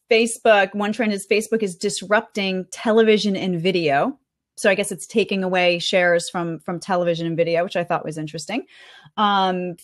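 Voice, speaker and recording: A woman chatting casually as a podcast guest, recapping conference talks in an animated way with plenty of fillers. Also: medium pitch. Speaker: guest reporting on a marketing conference.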